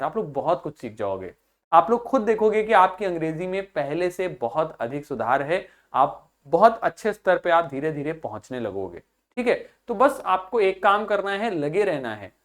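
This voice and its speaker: A man's voice: sits high, a bit bright. A man teaching an online English vocabulary lesson in Hindi mixed with English. He repeats each word several times to drill its pronunciation.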